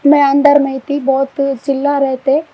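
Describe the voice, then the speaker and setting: A young widow quietly recounting a killing she witnessed, speaking softly and haltingly and repeating herself. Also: high voice, completely flat delivery, low-quality recording. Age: young adult. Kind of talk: tearful eyewitness account.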